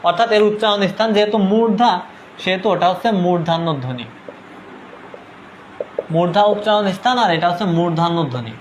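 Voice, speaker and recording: A young Bangladeshi man teaching a live online lesson, his voice sitting high for a man. He talks casually and keeps asking viewers to comment and whether they follow. Faint background noise sits under the voice. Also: fairly quick, pauses often. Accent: Bangladeshi Bengali. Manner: checks understanding with "ঠিক আছে?". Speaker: online tutor.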